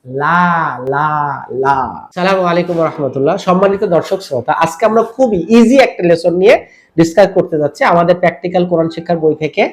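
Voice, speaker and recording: High-voiced man teaching Quran recitation. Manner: repeats drills, quizzes the viewer; draws out recited words slowly. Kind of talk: Quran tajweed lesson.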